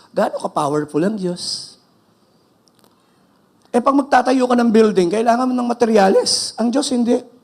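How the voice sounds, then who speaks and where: Man, Filipino accent, pastor, sermon, high-pitched, gravelly, emphatic. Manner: switches between English and Filipino, emphatic and preacherly.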